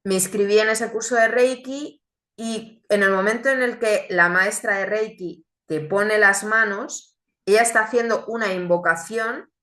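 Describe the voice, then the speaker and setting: Earnest woman giving a testimony, bright voice. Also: medium pitch, echoey room. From Chile, raised in Spain. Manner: earnest, reflective, with rhetorical questions. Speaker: speaker giving a faith testimony. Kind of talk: testimony talk.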